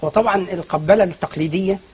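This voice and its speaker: A man's voice: high-pitched, rapid-fire, darkish tone. A man as a guest scholar in a studio TV interview, explaining at length with frequent restarts and fillers.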